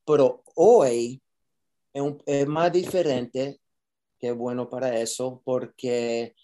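A man who grew up speaking tells his story in halting Spanish and keeps restarting his sentences. His voice is mellow and relaxed. He often slips into phrases in a casual, unpolished way. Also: medium pitch. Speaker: actor, interview guest. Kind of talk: casual interview. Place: Los Angeles.

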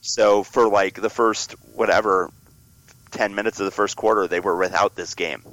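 An American man co-hosting a casual sports podcast, his voice raspy like a smoker's and hoarse from a head cold. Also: lowish voice, steady tone, moderate pace, a bit bright, no echo, rough recording. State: congested with a worsening cold.

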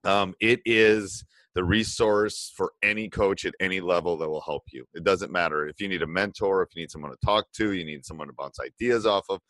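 A middle-aged man with a very low voice hosts a podcast interview at home. He talks in a loose, chatty way full of ums and restarts. The sound is dry and close, with no room echo. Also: fairly bright tone. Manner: chatty, with many fillers and restarts. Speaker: podcast host. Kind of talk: casual interview.

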